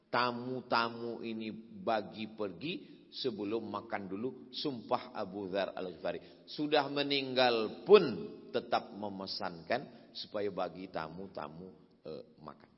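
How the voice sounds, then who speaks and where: Man preaching in a reverberant hall. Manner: shifts between loud emphatic telling and soft low asides. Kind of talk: storytelling sermon.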